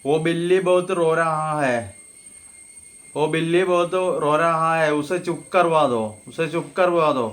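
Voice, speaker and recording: A man gives a relaxed phrase lesson. His voice sits a little high for a man. He says each example slowly and carefully, then explains it in a conversational way. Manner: slow, deliberate model phrases, then explained in Malayalam. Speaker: Hindi teacher. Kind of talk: casual spoken-Hindi lesson.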